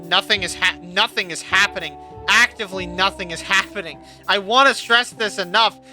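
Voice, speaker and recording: High, bright-voiced young man swearing casually. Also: moderate pace, faint music behind. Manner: excitable, sarcastic, swears a lot. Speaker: gamer commentating a wrestling game. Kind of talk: casual let's-play commentary.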